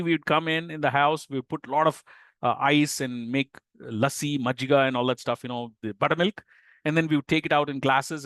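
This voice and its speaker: Middle-aged indian guy, values talk, animated storyteller, dead dry sound. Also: on the high side, no room sound. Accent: Indian English. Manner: animated storyteller, mixes Hindi words, acts out little scenes. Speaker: speaker at a youth leadership session.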